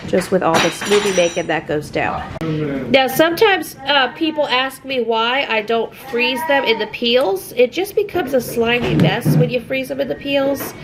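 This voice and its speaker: A woman's voice: a little high, lively intonation, moderate pace, background noise. A woman vlogging casually from her farm kitchen and barnyard, chatty and homey, coaxing her animals along. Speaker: homestead vlogger. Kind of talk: casual chat to camera.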